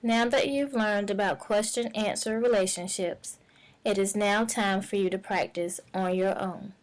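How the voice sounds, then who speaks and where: A woman's voice: medium pitch, steady tone, low-quality recording. Woman narrating a reading lesson. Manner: clear, measured explaining. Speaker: teacher. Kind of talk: instructional narration.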